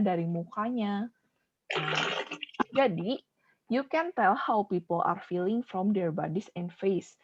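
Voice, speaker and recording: A woman's voice: medium pitch, breathy edge, muffled recording. A woman school counselor a slight lilt patiently explaining feelings to children, mixing in some English. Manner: patient, explains to children and acts out example voices. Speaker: school counselor teaching a class. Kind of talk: online class lesson.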